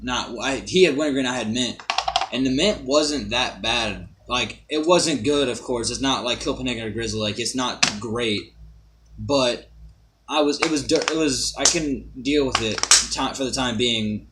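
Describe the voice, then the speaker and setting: A man's voice: mid-range voice, unhurried, background noise. A young man giving a casual, rambling amateur product review to camera, repeating himself and swearing mildly.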